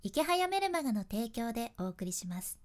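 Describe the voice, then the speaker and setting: Kyushu-accented woman host, high and very animated voice, shifts from crisp announcer tone to chatty dialect. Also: normal speed. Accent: Kyushu Japanese. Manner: mixes polished announcer delivery with chatty dialect asides. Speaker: podcast host, freelance announcer. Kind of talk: casual podcast talk with tips.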